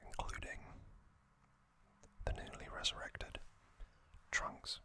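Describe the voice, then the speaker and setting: This is an ASMR host, a man who whispers his narration breathily and gently. He leaves long pauses after each short phrase.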